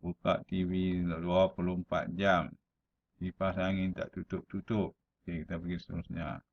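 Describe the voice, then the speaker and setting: A male primary school teacher with a Malaysian Malay accent, reciting verses slowly and stretching each phrase, dropping "ha" between points. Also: low-pitched, little pitch movement, vocal fry, muffled recording. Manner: slow, drawn-out recitation of verses; repeats "ha" as a filler. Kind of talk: classroom lesson recording.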